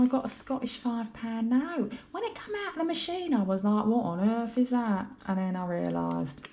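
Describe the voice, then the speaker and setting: Her nose blocked from a head cold, the British budgeting vlogger from the UK counts out cash and chats casually, rambling and apologetic. Her medium-pitched voice has vocal fry and a slightly mellow quality, with a faint hiss or hum.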